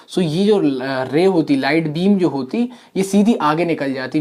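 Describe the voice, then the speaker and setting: A man, teaching a science lesson in a soft voice from a small room, explaining step by step with many fillers and repeats. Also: on the high side. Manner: soft-spoken. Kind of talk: classroom lesson. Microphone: camera mic.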